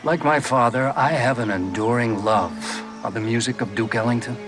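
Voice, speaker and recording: A man's voice: mid-range voice, moderate pace, music in the background, lightly acted. A man from the United States playing a genial, expansive antiques and manuscripts dealer who chuckles as he talks. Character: genial American male manuscripts dealer, jazz lover.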